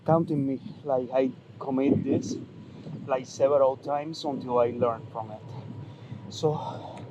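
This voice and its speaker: A man's voice: medium pitch, fairly even intonation, slow pace, muffled recording. A man giving fitness advice in a casual outdoor vlog, a bit out of breath, talking chattily with many fillers and restarts. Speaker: fitness vlogger. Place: outdoors, windy, by traffic. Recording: outdoor wind and traffic noise.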